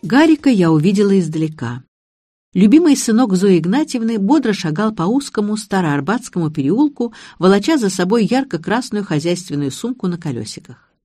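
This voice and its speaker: A woman narrating a comic detective novel in first person, in a lively, expressive reading. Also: mid-range voice, fairly quick, dry recording, studio quality. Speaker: audiobook narrator.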